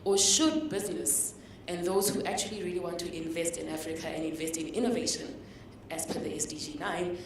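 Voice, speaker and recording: A woman with a very low voice poses a thoughtful question during a workshop, restarting phrases as she weighs two options. She is picked up by a distant mic in a reverberant hall, with clear noise in the background. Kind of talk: question in a panel discussion. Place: conference hall.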